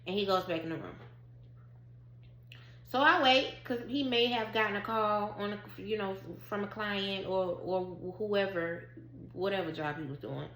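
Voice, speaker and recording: A woman telling a personal story to her viewers in a casual, animated and emphatic way. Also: medium pitch, a little slow, roomy sound, a little hiss or hum. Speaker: vlogger.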